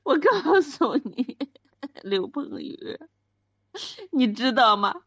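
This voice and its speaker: A woman's voice: high-pitched, big pitch swings, slow pace, vocal fry, a bit bright, husky, dry recording, full character voice. A woman playing a wronged wife of ten years in a comedic radio skit, speaking, wailing and pleading. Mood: insistent. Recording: dry, dull lo-fi sound.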